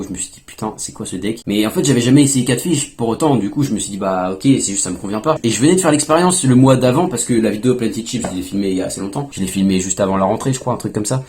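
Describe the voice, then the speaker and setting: A young man casually telling a story to his vlog audience, chatty, with quick asides to himself. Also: fairly low pitch, a little mellow, slight background noise. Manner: fast, chatty, self-talk asides. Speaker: fingerboard YouTuber.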